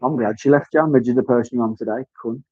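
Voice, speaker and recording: A man's voice: medium pitch, fairly quick, dark tone, no echo. Sweary joking man in a tattoo studio. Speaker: tattoo artist. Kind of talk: casual workshop banter. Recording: dull lo-fi dry sound.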